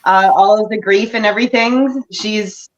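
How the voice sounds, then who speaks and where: A woman's voice: medium pitch, moderate pace, lo-fi sound. A woman hosting a live online recovery meeting, chatting earnestly with her guests over a video call. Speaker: host of a recovery meeting show. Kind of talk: casual group chat on a live stream.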